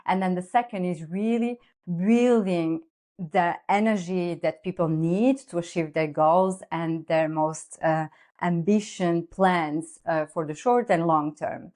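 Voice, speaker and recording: A woman in her thirties speaks English with a Portuguese accent, her voice sitting a little low for a woman. She explains things earnestly and at length, with the odd filler and restart, as a podcast guest. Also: slow pace, mellow. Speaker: guest, lifestyle coach. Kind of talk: podcast interview.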